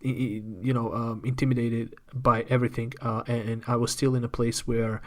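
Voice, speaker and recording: A Croatian man in his thirties, whose first language is Croatian, candidly tells a personal story as a podcast guest. His mid-range voice is flat and moderately paced, and he often repeats words while thinking.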